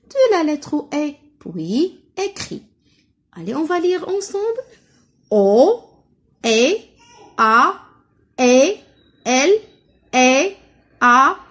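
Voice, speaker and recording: A woman's voice: on the high side, a little mellow. A woman with a Moroccan French accent teaching a first-grade phonics lesson, stretching out syllables and encouraging her pupils. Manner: slow, drawn-out syllables, encouraging. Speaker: primary school teacher.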